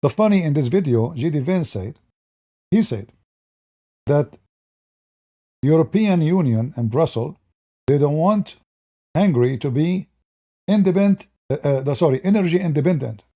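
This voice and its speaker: The man's fairly high voice moves at a moderate pace, with long pauses between thoughts. He talks straight to his viewers in a mellow, relaxed manner, rambling through mocking political commentary and restarting sentences often.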